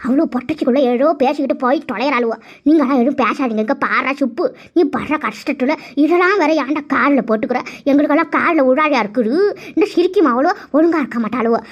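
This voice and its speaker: A woman voicing a sharp-tongued village woman who scolds and grumbles sarcastically in a cartoon family quarrel. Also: sits high, fast talker. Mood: scolding. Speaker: cartoon voice artist. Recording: dull lo-fi recording.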